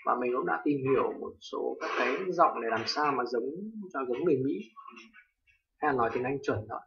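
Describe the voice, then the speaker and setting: A young man from Vietnam with a Vietnamese accent, casually teaching English pronunciation, hesitant with many fillers and loudly repeating example words. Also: mid-range voice, a little fast, vocal fry, background noise. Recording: distant lo-fi home recording.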